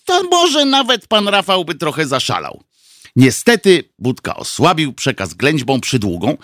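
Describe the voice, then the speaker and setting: A man's voice: on the high side, dry recording, studio quality. Sardonic man telling a satirical story. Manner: sardonic, mocking, lively. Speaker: satirical radio columnist.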